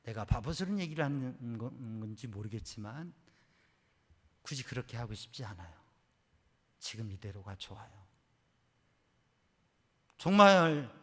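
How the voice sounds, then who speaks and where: A pastor softly voicing a calm, contented young woman. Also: fairly low pitch, normal speed, long pauses, long reverb tail, pitched below the performer's own voice.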